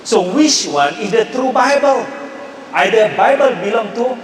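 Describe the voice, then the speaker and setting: A man with a Malaysian Malay accent giving an animated religious lecture, imitating regional dialects. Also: very high-pitched, a little slow. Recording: echoey hall, voice from far.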